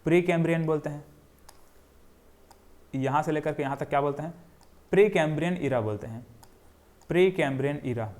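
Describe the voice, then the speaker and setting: A young man gives a classroom-style geography lecture, drawing on a board as he asks questions and answers them himself in repetitive drills. His voice is fairly high and a little mellow, brisk but with frequent pauses.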